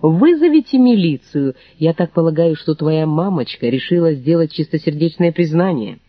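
A man's voice: a little high, lively intonation, normal speed, no room sound, lo-fi sound. A man reading an audiobook, voicing a sarcastic, combative young woman. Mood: mocking. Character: young woman, sharp and mocking.

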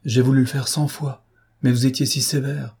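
A man's voice: mid-range voice, level tone, moderate pace, vocal fry, a little mellow, slightly rough, voice pushed up. A man reading an audiobook and voicing a young, impulsive woman who speaks earnestly and shyly. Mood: shy tender. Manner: confessing earnestly, then shy and tender. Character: impulsive young woman, tearful then happy.

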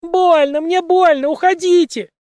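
A man's voice: high-pitched, lively intonation, moderate pace, dark tone, no room sound, clean studio sound, voice pushed up. A man voicing a wounded, dazed young woman who cries out in pain and then speaks weakly. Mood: screaming in pain. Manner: screaming in pain, then weak and faint.

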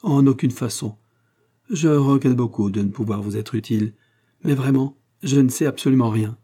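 Polite young homeowner, read by a man, brisk, dismissive, husky dark tone. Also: medium pitch, close to an everyday voice.

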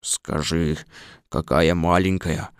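A man's voice: extremely low pitch, fairly even intonation, takes it slowly, smooth, no room sound, clean studio sound. A man voicing a huge, timid, tearful male lion in a dramatized storybook reading, bashful and self-pitying. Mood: sheepish.

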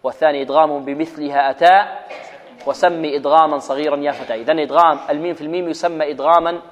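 A man teaching Quran recitation, asking his listeners questions and then answering them himself, and repeating words slowly to show the exact pronunciation. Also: fairly high pitch, steady tone. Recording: long hall reverb.

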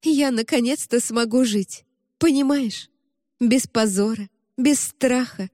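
A woman's voice: on the high side, slow pace, darkish tone, dry recording, studio quality, big-room sound, voice pushed up. A woman voicing a frantic, overeager mother with an exclamatory, giddy manner. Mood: overjoyed.

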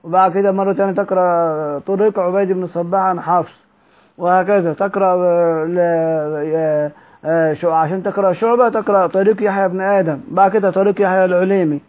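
High-voiced Egyptian teacher on tinny audio. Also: male voice, fairly even intonation, fast. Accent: Egyptian Arabic. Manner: explanatory, repeats words, frequent "aah" fillers. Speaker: teacher of Quran recitation. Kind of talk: lecture reading and explaining a classical text.

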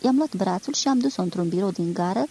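A woman reading a literary novel aloud in a measured, expressive storytelling manner. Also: medium pitch, a little hiss or hum, rough recording. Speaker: reader.

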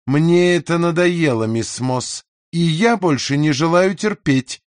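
A man voicing a nagging, sharp-tongued middle-aged landlady in an audiobook, scolding and insistent. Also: on the high side, expressive, unhurried, no room sound, pitched above the performer's own voice. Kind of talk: audiobook character voice.

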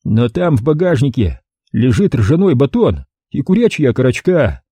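A man reading an audiobook, voicing a sullen, hungry male thug with a hoarse voice. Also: medium pitch, big pitch swings, moderate pace, mellow, dry recording. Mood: sulky. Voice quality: hoarse, gravelly.

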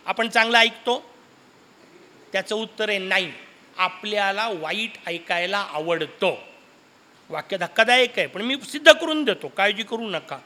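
A man giving a devotional discourse, telling a scripture story and asking the audience playful questions. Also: sits high. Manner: lively, asks the audience questions, playful asides. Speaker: Puranic discourse speaker.

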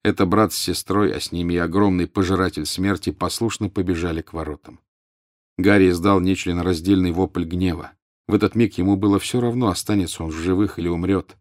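Low-voiced man reading an audiobook. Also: fairly even intonation, fairly quick, no echo, clean studio sound. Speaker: audiobook narrator. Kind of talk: dramatic audiobook narration.

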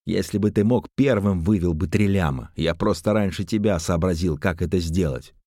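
Give me a man voicing a blustering middle-aged swindler with a dark gravelly edge. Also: deep voice, normal speed, no echo, studio quality. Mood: snarling. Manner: theatrical, shouting accusations.

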